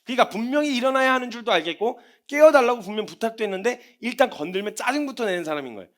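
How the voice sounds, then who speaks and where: Brief: male missionary preacher, sermon delivery, fast, high-pitched, acts out scenes. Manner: animated, acts out everyday scenes.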